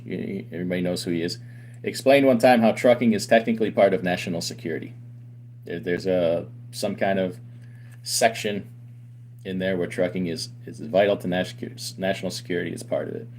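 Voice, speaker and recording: The owner of a trucking company, who hosts a channel, delivers argumentative, opinionated commentary to camera, packed with rhetorical questions. His voice is low, brisk and darkish, with a little hiss or hum.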